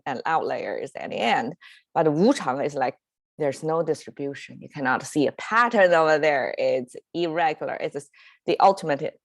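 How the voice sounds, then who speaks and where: Speaking in a low, creaky voice with no room sound, this podcast host and Chinese teacher, whose first language is Mandarin, explains words in English with a Chinese accent during a relaxed lesson. She talks conversationally, often using fillers and correcting herself, and laughs now and then.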